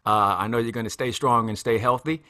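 A man's voice: mid-range voice, fairly even intonation, fairly quick, pushed and bright, no echo, clean studio sound. A man hosting a podcast, thanking his guest with effusive praise. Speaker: podcast host.

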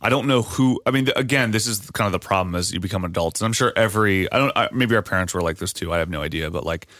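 A man's voice: deep voice, fast, fairly bright tone, no echo, studio quality. A man hosting a podcast in casual chat, rambling through ideas with restarts and frequent swearing. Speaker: podcast host.

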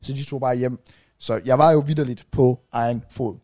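A young man casually retelling a long night out on a podcast, rambling and animated with many restarts. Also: mid-range voice, no room sound, studio quality. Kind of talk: casual storytelling chat.

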